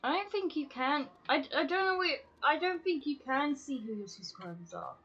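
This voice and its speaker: A woman's voice: high voice, expressive, normal speed, fairly bright tone, highs cut off, faint music behind. A woman chatting casually on a game live-stream, scattered, talking to herself and swearing casually.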